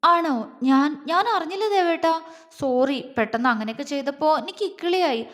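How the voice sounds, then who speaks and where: A woman's voice: high voice, expressive, moderate pace, a bit bright. A woman voicing a timid, innocent young bride who stammers and hesitates, in a reverberant recording. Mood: shy, flustered. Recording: long reverb.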